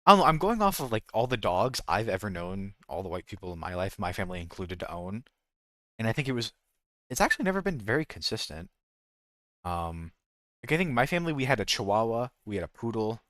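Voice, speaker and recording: With big pitch swings and a pushed, bright delivery, an American man talks briskly in a low-leaning voice. He's a game streamer in a casual livestream, jokey and rambling, who keeps revising his thoughts midway; the audio is clean studio sound with no echo.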